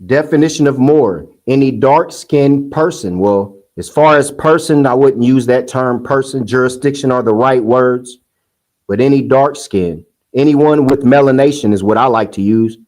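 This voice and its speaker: A man's voice: medium pitch, moderate pace, darkish tone, low-quality recording. A man hosting a casual commentary monologue, heated and scoffing, rambling with restarts. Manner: sing-song mocking quotes. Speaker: commentary host.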